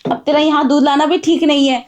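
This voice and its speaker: A woman's voice: high voice, steady tone, fast, close to an everyday voice. A woman playing a blind housewife who scolds and rebukes indignantly in a melodramatic drama. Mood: angry.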